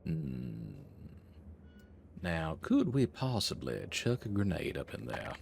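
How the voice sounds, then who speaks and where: A man's voice: deep voice, huge pitch swings, takes it slowly, creaky, slight background noise. A man streaming a shooter game, talking to his chat in a put-on, genteel, old-fashioned southern drawl with a courtly, wry manner. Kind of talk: live gameplay commentary. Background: game music.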